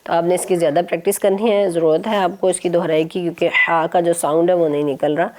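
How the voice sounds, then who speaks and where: Woman, children's reading teacher, patient and encouraging, slow letter drills, lowish voice. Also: steady tone. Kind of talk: televised phonics lesson for children.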